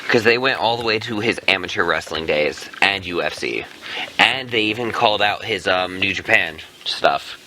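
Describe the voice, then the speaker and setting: A man's voice: sits low, a little hiss or hum, low-quality recording. A man co-hosting a casual podcast, steering the chat and arguing back with blunt, profane remarks. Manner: animated, profane, quick to argue back. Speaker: podcast co-host steering the segments.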